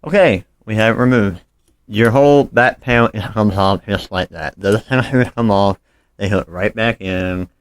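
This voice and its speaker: A man with a fairly low, clear and resonant voice narrates a casual repair tutorial at a moderate pace, speaking informally and a bit apologetically while his hands are busy. Filmed on a handheld phone, the sound is dry and close with no echo.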